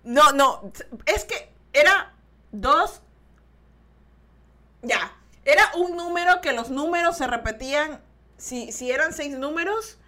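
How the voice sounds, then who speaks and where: A woman's voice: high-pitched, lively intonation, slow, long pauses, bright, forceful tone. A young adult woman with an Ecuadorian accent hosts a podcast, telling a story in a casual confessional way. She talks animatedly, giggles often, restarts her sentences and acts out other people's voices. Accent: Ecuadorian Spanish. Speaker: podcast host.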